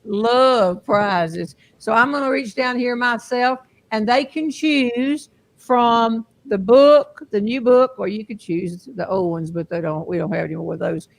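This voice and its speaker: A woman's voice: on the high side, measured pace, vocal fry. An older woman with a Southern US accent hosting a show, chatting casually and amused by herself. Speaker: host. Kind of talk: casual chat.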